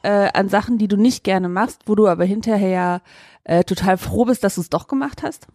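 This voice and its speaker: A woman's voice: medium pitch, normal speed, a little mellow, dry recording, studio quality. A woman co-hosting a podcast in casual chat, playful and questioning. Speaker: podcast co-host.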